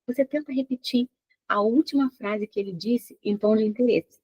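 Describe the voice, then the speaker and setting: A woman's voice: a little high, moderate pace, darkish tone, husky, no room sound, lo-fi sound. A woman with a Brazilian Portuguese accent who gives parenting advice and talks straight to mothers, explaining things and asking them questions. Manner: explanatory, addresses the mother directly with rhetorical questions. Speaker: parenting educator. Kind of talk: direct-to-camera advice talk.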